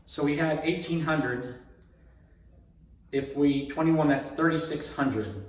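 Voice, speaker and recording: A man's voice: fairly high pitch, fairly even intonation, slow. A man talking like a craps table caller, calling out rolls, bets and payouts and muttering tallies aloud as he repeats numbers. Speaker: craps player demonstrating a betting strategy. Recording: echoey room, distant mic, faint noise, clicks.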